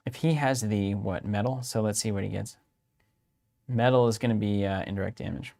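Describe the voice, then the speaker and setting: A man's voice: lowish voice, fairly quick, creaky, darkish tone, dry recording, studio quality. Man doing mock game commentary. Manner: playful, narrates plays like a sports commentator. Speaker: co-host of a card game live stream. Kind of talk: casual playthrough banter with mock commentary. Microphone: studio microphone.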